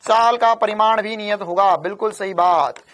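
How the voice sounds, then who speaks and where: A man teaching physics in a live online exam-prep lecture, with a hoarse voice worn from shouting, animated and teasing as he answers his own questions in a student's voice. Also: high-pitched, normal speed. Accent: Hindi.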